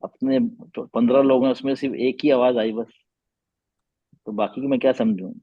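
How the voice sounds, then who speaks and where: A man's voice: mid-range voice, steady tone, normal speed, no echo, lo-fi sound. A man teaching a Quran recitation class online, patiently repeating letter sounds and quizzing his students.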